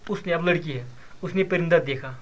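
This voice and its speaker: A man calmly prompting simple sentences, repeating and rephrasing each one. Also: on the high side. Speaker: elicitor asking for translations. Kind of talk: language elicitation session.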